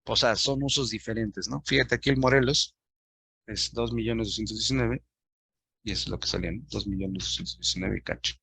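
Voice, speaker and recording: A man's voice: on the low side, steady tone, a little fast, vocal fry, pushed and bright, husky, dry recording. A man teaching an online class, patiently explaining step by step and addressing his students directly.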